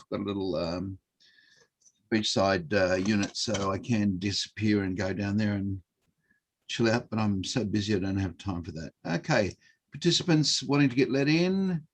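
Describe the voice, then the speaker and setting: A middle-aged man presents an online workshop over a video call. He talks in a relaxed, hesitant way, with many fillers. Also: on the low side. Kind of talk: online teaching session.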